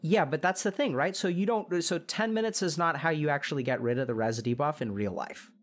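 Male stream host giving earnest life advice by gaming comparisons, slightly higher pitch. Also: a little fast. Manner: explains by game analogies, earnest, lecturing. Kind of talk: casual coaching chat.

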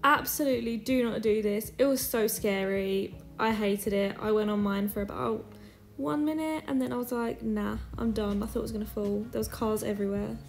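A vlogger in her twenties chats casually about her holiday. Her voice is on the high side and gravelly, moving at a normal speed, with faint music behind her.

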